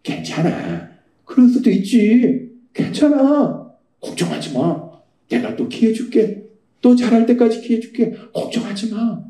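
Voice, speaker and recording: A preacher putting on the voice of a heavenly father, low and soft, quietly promising comfort. The hushed tone sounds warm and mellow. It echoes through a church hall. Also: animated, a little slow. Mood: reassuring. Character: gentle reassuring divine father.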